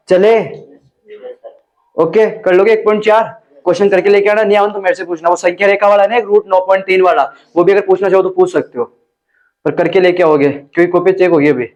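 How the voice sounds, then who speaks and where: A young man teaching a maths class and joking with his students. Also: sits high. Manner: teasing and chatty with students. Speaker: maths tutor. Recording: dull lo-fi classroom audio.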